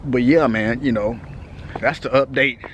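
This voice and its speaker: This casual vlog update comes from a Texas-accented man speaking to his audience outside at night, loose and laid-back, often tossing in "you know what I'm saying." His medium-pitched voice holds a steady tone and moves a little slowly, with slight noise in the background.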